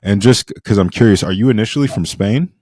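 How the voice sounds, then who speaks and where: A man's voice: on the low side, quick pace, darkish tone, no room sound, clean studio sound. A man hosting a podcast interview in a casual, slangy and enthusiastic way.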